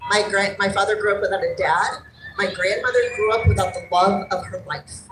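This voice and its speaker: Middle-aged woman from Arkansas at a rally. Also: medium pitch. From Arkansas, USA. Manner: casual, self-deprecating, then earnest. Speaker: rally speaker, activist. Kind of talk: protest speech. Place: outdoor rally. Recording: echoey outdoor PA, far from mic, crowd noise.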